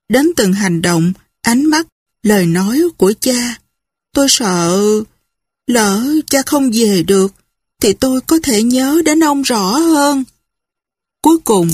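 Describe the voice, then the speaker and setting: Slow, breathy woman storyteller. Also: on the high side, no echo, studio quality. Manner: slow, soft, unhurried reading. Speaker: narrator. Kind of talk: first-person storytelling narration.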